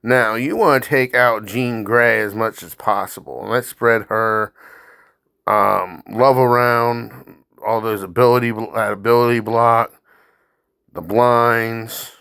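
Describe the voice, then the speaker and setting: Gravelly, unhurried man doing game commentary. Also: medium pitch, fairly even intonation, sharp tone, no room sound, clean studio sound. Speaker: gamer commentating on own gameplay. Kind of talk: casual mobile game walkthrough commentary.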